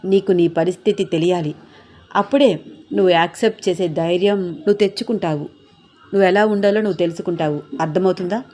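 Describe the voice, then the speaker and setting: A woman's voice: medium pitch, darkish tone, close to an everyday voice. A woman voicing a kindly woman gynecologist who speaks frankly and encouragingly.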